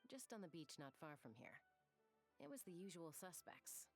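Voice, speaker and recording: An actress playing a calm, capable young woman scout in game dialogue, speaking in a steady, matter-of-fact way. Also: fairly low pitch, normal speed, music in the background.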